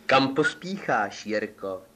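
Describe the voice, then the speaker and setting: A man voicing a beautiful young female forest fairy, gentle and a little sad, with a soft silvery voice. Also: on the low side, animated. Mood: gentle coaxing.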